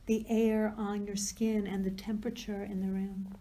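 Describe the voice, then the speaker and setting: In her guided yoga nidra session, the teacher uses soothing, unhurried phrasing broken up by pauses. She has a mid-range voice with a level, warm tone.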